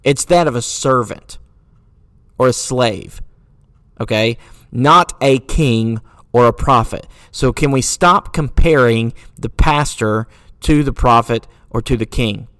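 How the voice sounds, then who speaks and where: A man hosts his own podcast in an earnest, searching way, firing off rhetorical questions and stumbling through fillers and restarts. His voice sits at an ordinary middle pitch. The sound is dry, with no room around it. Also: takes it slowly, a bit bright, no echo. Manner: sarcastic at times. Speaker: podcast host. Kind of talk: solo podcast commentary.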